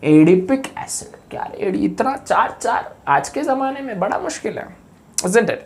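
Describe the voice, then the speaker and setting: A man's voice: sits high, expressive, a little slow. A man giving a live online chemistry lecture. He keeps asking students questions and makes up joking memory tricks. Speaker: chemistry teacher. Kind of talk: live online lecture mixing Hindi and English.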